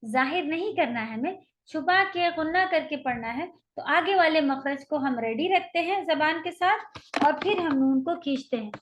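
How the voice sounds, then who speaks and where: A woman teaching a recitation class, explaining rules patiently and modeling long drawn-out sounds. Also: high-pitched, a little hiss or hum, poor audio. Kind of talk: online tajweed lecture.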